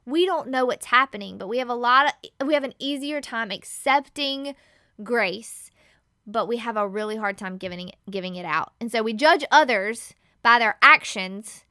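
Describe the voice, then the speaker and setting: A woman giving a casual Bible teaching as a podcast host, animated and laughing often as she acts out everyday scenes. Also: on the high side, moderate pace, clear, resonant tone, no room sound, studio quality.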